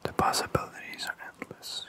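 An ASMR host rambling calmly in a fully unvoiced, slow and soothing whisper.

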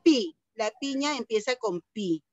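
A woman teaching young children an online lesson, sounding out syllables in a slow sing-song way, heard through a computer mic on a video call. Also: a little high, animated, lo-fi sound, crowd noise.

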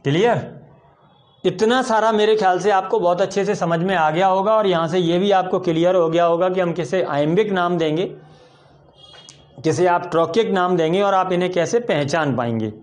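High-voiced male teacher. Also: moderate pace. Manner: patient, methodical, counts out stresses step by step. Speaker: English teacher. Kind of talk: explanatory lesson.

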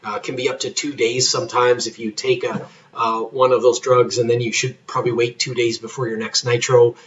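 Pharmacist type, male, going hoarse, easygoing explainer who stops and restarts often, mid-pitched voice, slightly dull lo-fi sound. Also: flat delivery, fairly bright tone. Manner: halting, many fillers and restarts. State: losing his voice. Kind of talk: informal health explainer video.

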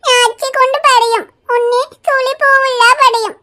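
This is a sulky little girl from a cartoon, voiced by a woman. She whines and whimpers through every refusal, her voice pitched very high and childlike. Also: flat delivery, normal speed, sharp tone. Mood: tearful, stubborn. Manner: whiny, tearful pleading. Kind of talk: cartoon voice acting.

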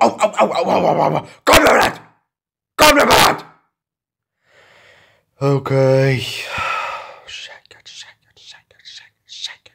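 A man's voice: mid-range voice, creaky. A man improvising a comic fan dub of two clumsy adult male neighbors who bicker, trading crude insults and swearing. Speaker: fan dubber.

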